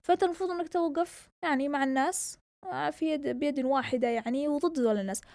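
Young woman ranting fast, mixes in english, kinda high voice, dry close sound. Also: dry recording. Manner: switches between Arabic and English mid-sentence; animated, rhetorical questions. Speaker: vlogger. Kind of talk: casual monologue.

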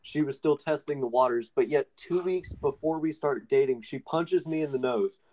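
A man's voice: fairly high pitch, moderate pace, mellow, poor audio. A young man casually telling a long story with many fillers on a podcast. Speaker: podcast co-host.

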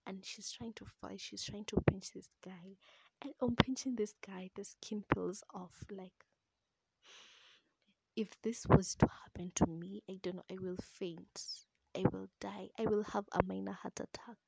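A woman's voice: mid-range voice, fairly even intonation, a little slow, creaky, slightly rough. A young woman retelling a book in a casual, chatty ASMR whisper close to the mic, throwing in asides and swearing.

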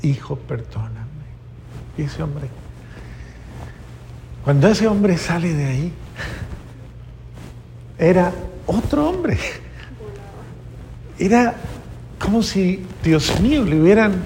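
Priest guy preaching, gravelly dark voice, keeps repeating himself, long reverb and faint hiss. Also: sits high, expressive, slow pace, long pauses. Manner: earnest, emotional, repeats phrases for emphasis. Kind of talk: sermon with a personal story.

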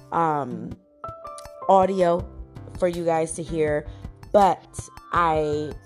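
A woman hosting her podcast in casual chat, her voice a bit muffled from congestion and often breaking into laughter. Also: low voice. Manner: laughs often, chatty with fillers. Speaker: podcast host.

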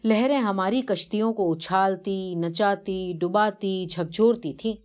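A woman's voice: medium pitch, darkish tone, lightly acted. A woman doing a humble devout old man. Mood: humble, earnest. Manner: humble, earnest storytelling. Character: poor elderly man, devout pilgrim, humble. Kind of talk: story reading. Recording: dull lo-fi recording.

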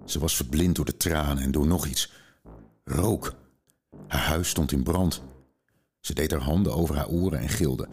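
Very deep-voiced man reading a story aloud. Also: slightly rough. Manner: calm, measured storytelling. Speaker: podcast host and reader. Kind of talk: reading a children's book aloud.

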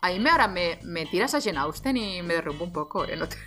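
A woman's voice: lowish voice, fast talker. Joking woman chatting, faint music. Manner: animated, jokey, with many asides and fillers. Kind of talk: casual chat.

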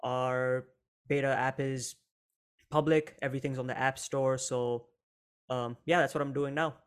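A young man from India introduces himself on a video call. He speaks in a relaxed, unhurried way, pausing and letting his sentences trail off softly. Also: mid-range voice, clear, resonant tone. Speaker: panel guest. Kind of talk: casual self-introduction.

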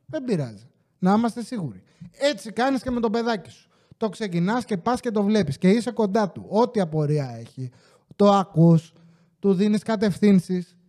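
A man with a fairly high voice and a soft, mellow tone tells casual comic stories as a podcast host. He rambles freely, swears often and breaks into joking rants.

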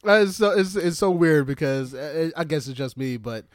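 A man with a slightly raised pitch keeps cutting in with jokes and laughs while talking over a film. The sound is close and dry, with no room around it. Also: animated, moderate pace, dry recording. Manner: laughs often, chimes in and jokes. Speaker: podcast co-host. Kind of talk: casual movie recap chat.

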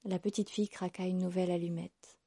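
A woman narrates a fairy tale aloud with an expressive storybook manner. Her voice is mellow and slightly husky. The sound is dry and close. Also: on the low side, brisk, dry recording.

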